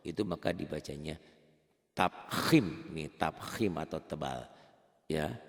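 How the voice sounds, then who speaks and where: A man teaching beginners Quran recitation rules in a casual, chatty way, chanting slow drawn-out examples. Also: extremely low pitch, big-room sound. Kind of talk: online tajwid lesson for beginners.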